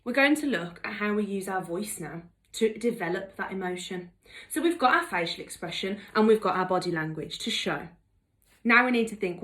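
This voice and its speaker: A woman's voice: mid-range voice, a bit bright. Young woman, drama teacher, upbeat, encouraging, explains step by step. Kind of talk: online drama lesson.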